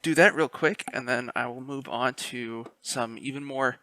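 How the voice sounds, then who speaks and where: A man talks through his miniature painting in a relaxed, easygoing way, often pausing with fillers and restarting his sentences. His voice sits in an ordinary middle pitch and is recorded close and dry, with no room sound. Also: dry recording. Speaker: miniature painting hobbyist host. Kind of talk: casual painting tutorial narration.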